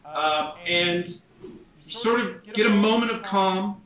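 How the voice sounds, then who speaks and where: Guy game mastering a tabletop rpg, highish voice, bit far from the mic in an echoey room. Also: slow pace, fairly bright tone, dull audio. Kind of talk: improvised tabletop game narration. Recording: echoey room, distant mic, background chatter.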